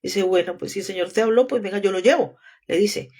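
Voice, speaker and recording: A woman's voice: medium pitch, brisk, a little mellow, husky. A woman apostle preaching a sermon, telling stories and acting out the dialogue. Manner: storytelling, acts out dialogue.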